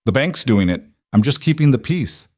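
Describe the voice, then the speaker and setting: A man's voice: mid-range voice, expressive, normal speed, darkish tone, no echo, clean studio sound, pitched above the performer's own voice, close to an everyday voice. A man doing an evasive, indifferent frontier sheriff. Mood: dismissive.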